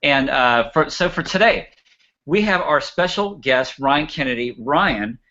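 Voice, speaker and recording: A man hosting a live web show, talking fast and enthusiastically in a radio-announcer manner. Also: mid-range voice, expressive, bright, forceful tone, lo-fi sound. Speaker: show host.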